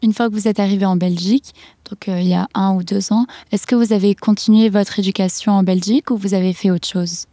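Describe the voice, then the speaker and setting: Young woman hosting, mellow tone. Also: medium pitch, fairly even intonation, a little fast, dry recording, studio quality. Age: young adult. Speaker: podcast host. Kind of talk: scripted intro and interview questions.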